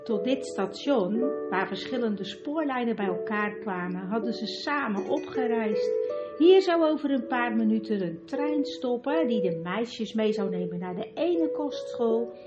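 A woman narrating a storybook in a calm, even way. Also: fairly high pitch, unhurried. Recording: dull recording with music behind.

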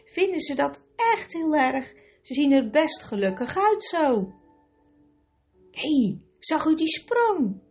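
A woman's voice: high voice, big pitch swings, slow pace, soft background music, voice pushed up, exaggerated voice. A woman voicing an earnest, kind young girl in a storybook reading.

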